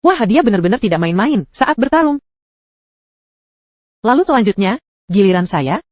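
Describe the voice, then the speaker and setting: A woman's voice: mid-range voice, sing-song, moderate pace, darkish tone, no room sound. A synthetic text-to-speech female voice narrating an anime recap, reading every character's lines in the same voice.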